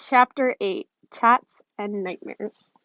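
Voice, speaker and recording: Recorded on a phone with a muffled, echoey room sound, a woman reads fan fiction in a casual, amateur podfic style. Her medium-pitched voice is fairly bright and she takes it slowly, giggling whenever she stumbles over a line.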